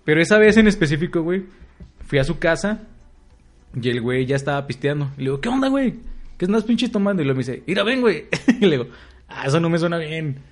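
A man's voice: a little high, expressive, fast talker. A young man with a Mexican accent, co-hosting a podcast in casual chat. He is full of slang, laughs often and acts out what people said. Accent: Mexican Spanish. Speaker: podcast co-host.

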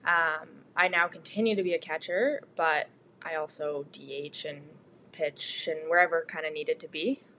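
A woman's voice: deep voice, fairly even intonation, normal speed, pushed and bright, slight background noise, low-quality recording. A young woman with a Canadian accent, a student athlete answering interview questions casually as a guest. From Ontario, Canada. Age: young adult.

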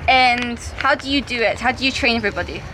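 A woman's voice: on the high side, fast talker. A woman working as an interviewer, asking questions casually at a busy convention. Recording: noisy crowded public venue.

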